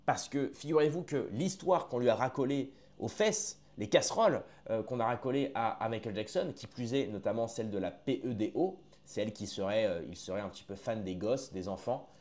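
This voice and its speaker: A man's voice: medium pitch, fairly quick, hardly any pauses, a little mellow. A man giving casual reaction commentary to his online viewers, chatty and often restarting his sentences, calling the audience his friends.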